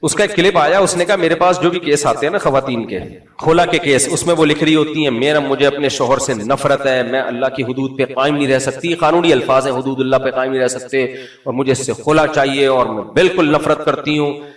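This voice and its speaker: A man's voice: medium pitch, fairly even intonation, a little fast. A man, an Islamic cleric giving a conversational religious talk and telling humorous stories in which he acts out other people's voices. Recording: echoey room, voice from far off the mic.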